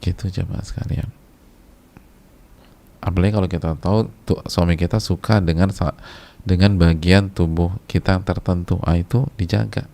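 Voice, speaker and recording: A man's voice: deep voice, steady tone, normal speed, vocal fry, mellow. A male preacher giving a casual religious lecture, talking conversationally, repeating key phrases for emphasis and sometimes chanting short religious verses.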